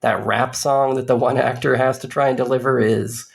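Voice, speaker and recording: A man's voice: medium pitch, fairly even intonation, moderate pace, gravelly. A man co-hosting a podcast, giving a casual movie review in a rambling way with dry, sardonic asides.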